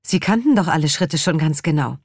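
A woman voicing a shy, eager young woman with a bright delivery, in an audiobook reading. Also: sits low, lively intonation, fairly quick, no room sound, studio quality.

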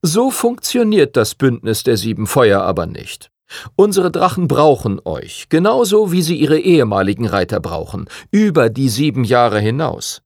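A patient older master teacher of dragon riders from an audiobook, voiced by a man. He lectures in a calm, measured way, his voice lifted above the narration, lively and slightly gravelly, in a dry recording. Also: mid-range voice, no echo, voice pushed up. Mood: calm lecturing.

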